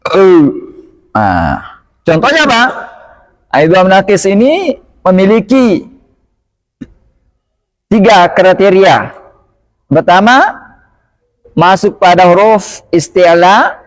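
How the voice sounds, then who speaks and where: A man teaching Quran recitation rules, slowly modelling each word several times and asking the listeners quick questions. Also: high voice, very animated. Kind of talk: tajwid lesson.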